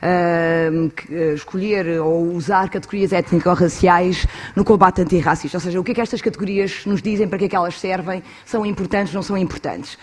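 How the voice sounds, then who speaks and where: Husky Portuguese woman arguing a point. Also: on the low side, a little fast. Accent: European Portuguese. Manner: earnest, argumentative, poses and answers questions. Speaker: conference panelist, anti-racist activist. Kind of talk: conference talk.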